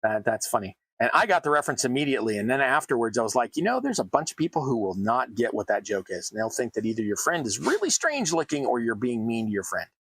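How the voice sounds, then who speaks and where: Very animated and fast, with few pauses, this American man's medium-pitched voice is fairly bright and slightly rough on a dry recording. He rambles self-deprecatingly to his stream audience while building tabletop terrain, cutting sounds coming from the worktable.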